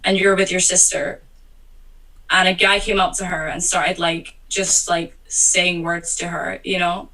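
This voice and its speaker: A woman's voice: on the low side, flat delivery, unhurried, bright, forceful tone, far from the mic, low-quality recording. A woman guest in a casual conversation on a video call, rambling with lots of fillers and repeated words.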